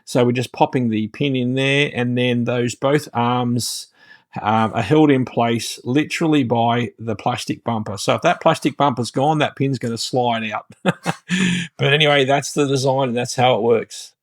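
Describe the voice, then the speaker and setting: Man, mid-pitched, easygoing hobby host, chatty workbench commentary, dry close sound. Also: steady tone, normal speed, no room sound. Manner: chatty, rambling, many fillers and self-corrections. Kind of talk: casual build commentary.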